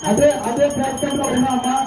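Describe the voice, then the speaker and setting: Very even, high-pitched deferential man. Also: a little fast. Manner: deferential, pleading. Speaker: temple committee representative. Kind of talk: formal devotional address. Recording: echoey, music and bells behind. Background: music, bells.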